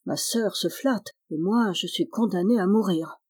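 A woman voicing a timid, frightened young man who pleads anxiously, in a slightly breathy voice. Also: mid-range voice, unhurried, a little mellow.

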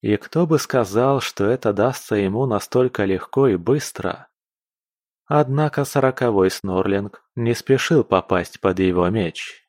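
A man narrating a fantasy audiobook in a steady, even storytelling manner. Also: fairly low pitch, measured pace, dry recording, studio quality. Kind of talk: scripted narration.

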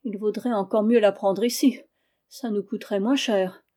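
A woman's voice: mid-range voice, steady tone, moderate pace, dark tone, natural voice. A woman voicing an anxious wife who speaks with a tearful, resigned manner.

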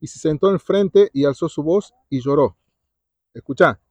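At a preteen retreat, a man delivers a Bible talk, repeatedly asking his listeners questions and tagging his sentences with "¿sí?". He speaks at normal speed in a fairly high, darkish voice with lively intonation. The sound is dry and dull, clearly lo-fi.

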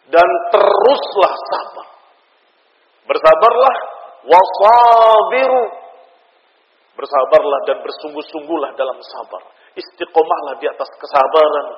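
High-voiced man preaching in an echoing hall. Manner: impassioned, swings between loud emphasis and low quiet passages. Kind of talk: Friday sermon. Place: mosque. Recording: dull, muffled sound with long hall reverb.

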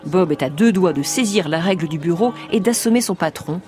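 A woman's voice: lowish voice, expressive, brisk, mellow. Casual: lady narrating a story with music running under it. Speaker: radio host and narrator. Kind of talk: scripted narration.

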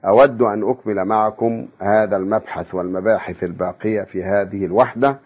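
A man giving an academic lecture, measured and explanatory, posing rhetorical questions to his listeners. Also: fairly low pitch, steady tone, breathy edge. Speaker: university lecturer. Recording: dull lo-fi radio broadcast.

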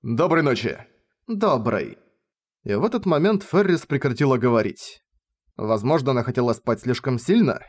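A man narrating a light novel audiobook in a steady, even reading. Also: medium pitch, brisk.

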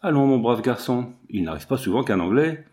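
A man voicing a polite young gentleman. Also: mid-range voice, expressive, a little fast, lightly acted. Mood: conciliatory. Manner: conciliatory, polite. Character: young disgraced English gentleman, male, proud.

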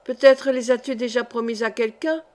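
Woman reading young coachman, coaxing, hesitant, light high tone. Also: moderate pace, darkish tone, close to an everyday voice. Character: young male coachman, eager and blunt.

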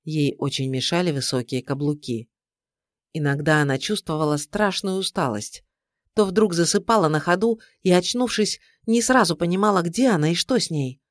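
A man narrating an audiobook in a calm, measured storytelling manner. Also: fairly high pitch, dry recording, studio quality.

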